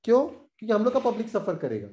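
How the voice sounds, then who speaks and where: Indignant man explaining the news, mellow tone. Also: high-pitched, fast talker, lo-fi sound. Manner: animated, indignant, mixes English phrases into his talk. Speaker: host explaining current affairs. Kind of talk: casual explainer commentary.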